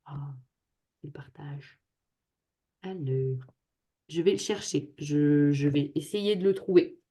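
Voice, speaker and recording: Her voice sits low and mellow, and she speaks slowly. She's a young adult tutoring students in a casual video call, chatty and quick to joke about herself, heard through a computer mic.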